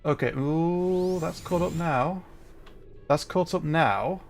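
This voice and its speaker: Faint music plays behind a man whose voice sits a little high and moves slowly. Hosting a casual gaming livestream, he troubleshoots while chatting in a flustered, apologetic, self-deprecating manner.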